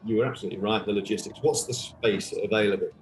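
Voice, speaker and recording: A man with a fairly low voice answering interview questions over a video call. He speaks hesitantly, with fillers and restarts. Faint music sits beneath him. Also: steady tone, fast. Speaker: event director being interviewed.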